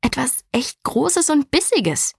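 A nervous little boy, voiced by a woman, his pitch lifted and his words tumbling out in worry. Dry, close storybook reading. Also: sing-song, takes it slowly, gravelly, no room sound, heavily acted. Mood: frightened. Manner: pleading, nervous. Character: frightened young boy, anxious twin brother.

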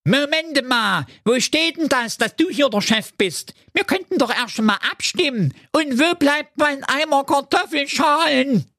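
A man's voice: extremely high pitch, expressive, unhurried, few pauses, pushed and bright, no room sound, clean studio sound, voice pushed up, exaggerated voice. A man voicing a stubborn male pig in a comedic radio play, whiny and nagging.

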